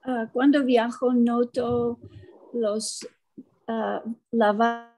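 Woman student, very slow, hesitant, higher-pitched, on a video call. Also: fairly even intonation, mellow, low-quality recording. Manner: hesitant learner, slow and searching for words.

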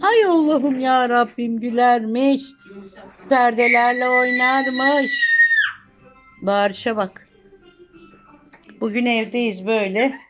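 A woman's voice: fairly high pitch, slow, pauses often, over music. Chatty older grandmother vlogging at home. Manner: chatty, talks to viewers while minding a grandchild. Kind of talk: casual home vlog. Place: small apartment home indoors. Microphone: phone camera.

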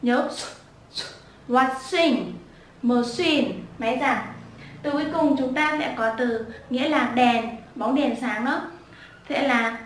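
A high-voiced woman teaches children to pronounce words, going slowly and repeating each one sound by sound. She speaks from a little way off the mic in an echoey room. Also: distant mic, slight background noise. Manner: patient, repeats each word slowly and breaks sounds apart. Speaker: English pronunciation teacher for children. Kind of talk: slow spoken lesson with repeated drills.

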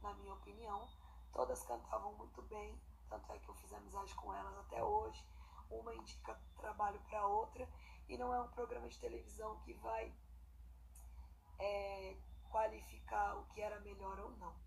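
A young Brazilian woman speaks casually to her phone, giving a personal statement. Her voice is hoarse and breathy, with plenty of gravelly fry at an ordinary female pitch. The phone recording carries clear background noise. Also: moderate pace, low-quality recording. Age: young adult. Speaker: singer. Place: lying down in a room indoors. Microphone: phone held at arm's length.

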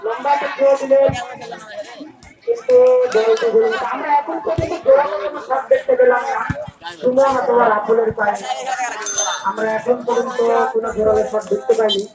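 An excited football commentator with a Bangladeshi accent giving live play-by-play, repeating players' names as the action moves. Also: medium pitch, fairly quick, pauses often, over music. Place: outdoor local football ground. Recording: distant echoey outdoor mic, crowd noise. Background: crowd.

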